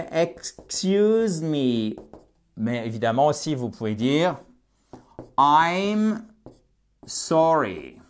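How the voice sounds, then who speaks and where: A man teaching English in a lesson, slowly stressing phrases for learners to repeat. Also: medium pitch, a little mellow. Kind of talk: language lesson with repetition drills.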